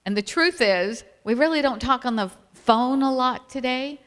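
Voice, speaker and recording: A woman's voice: high-pitched, moderate pace. A middle-aged woman, telling stories and laughing often as she co-presents a family ministry talk. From Virginia, USA. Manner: warm storytelling, laughs often. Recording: reverberant hall.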